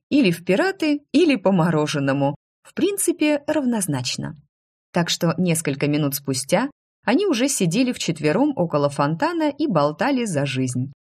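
Low-voiced woman narrating a story. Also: sing-song, normal speed, darkish tone, breathy edge. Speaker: audiobook narrator.

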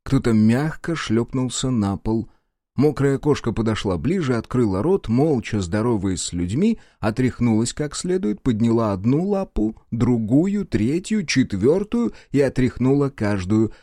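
A man reading scripted audiobook narration with lively, expressive pitch movement. His tone is dark and mellow. The reading is close-miked and dry, with no room behind it. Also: a little slow, dry recording.

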